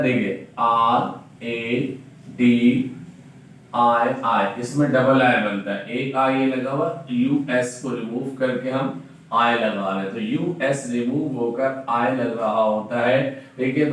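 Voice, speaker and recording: A man teaches English grammar at an unhurried pace, spelling words out letter by letter. He keeps checking that the viewer follows. His voice rings through a very echoey room from some distance off the mic. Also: mid-range voice. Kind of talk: classroom-style grammar lesson.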